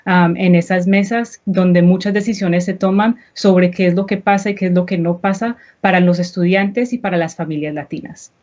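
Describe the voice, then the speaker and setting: A woman from Colombia, an education nonprofit director, explaining her work in an earnest, steady way during a live online interview. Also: lowish voice, moderate pace, few pauses. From Medellín, Colombia. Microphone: video call. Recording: dull lo-fi live-stream audio.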